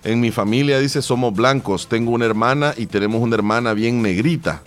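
A man with a Salvadoran Spanish accent hosting a morning radio show, reading the news and chatting casually in a relaxed way. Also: medium pitch, brisk, soft background music.

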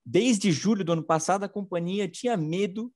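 A man's voice: high voice, moderate pace, darkish tone. A man co-hosting an informal political news show, slangy and sarcastic.

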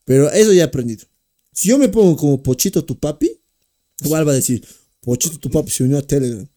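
A man co-hosting a casual podcast, animated and storytelling. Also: on the high side, fast talker. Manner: animated storyteller, voices himself and his partner. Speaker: podcast co-host. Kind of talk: casual chat.

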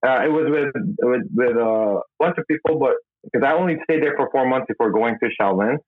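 A man's voice: mid-range voice, brisk, dry recording. A man in his thirties from the Philippines, a guest telling his story in an easygoing, good-humored way. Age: 30s. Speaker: guest, jiu-jitsu instructor. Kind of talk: casual interview talk. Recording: tinny phone-like line.

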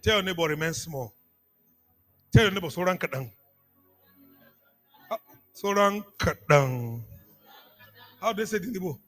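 Lively high-voiced preacher. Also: male voice, brisk, long pauses, soft background music. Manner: call-and-response preaching, repeats phrases, swings from hushed to shouting. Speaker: apostle preaching. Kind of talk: sermon.

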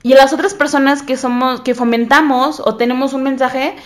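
Mujer mexicana conversando relajada. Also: female voice, high voice, steady tone, normal speed. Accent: Mexican Spanish. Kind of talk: casual chat.

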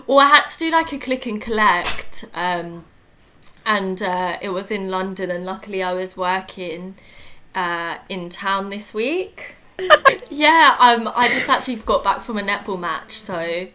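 A woman's voice: mid-range voice, measured pace, bright, forceful tone, slight background noise. A young adult woman co-hosting a podcast, chatting casually with lots of fillers and frequent laughs. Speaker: podcast co-host. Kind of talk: casual chat.

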